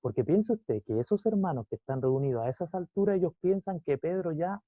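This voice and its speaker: A man's voice: on the high side, animated, a little fast, dry recording, narrow, tinny audio. A man preaching a sermon in a conversational teaching manner, often adding asides to the listener.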